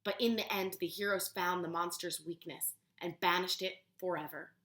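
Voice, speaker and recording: In an echoey room, a woman with a fairly low voice reads a picture book to her preschool class with lively, expressive storytelling. She pauses along the way to put questions to the kids.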